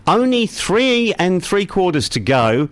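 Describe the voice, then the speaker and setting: A man in his sixties co-hosts a radio talk show. He speaks with a dry, mock-prim wit, and his voice sits a bit high and moves through a wide, lively range. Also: measured pace, dry recording. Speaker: radio co-host. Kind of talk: casual radio banter.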